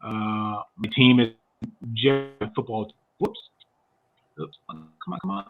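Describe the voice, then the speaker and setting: A man's voice: lowish voice, animated, takes it slowly, creaky, narrow, tinny audio. A man hosting a livestreamed movie review chat, rambling along with frequent fillers and restarts.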